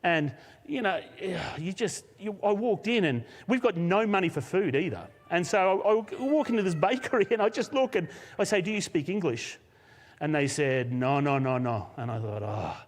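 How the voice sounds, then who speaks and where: A man with an Australian accent, a senior pastor, telling a personal story in a live sermon with lively laughs. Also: high-pitched, moderate pace. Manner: animated storyteller, laughs often. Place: church auditorium, live service. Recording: long hall reverb.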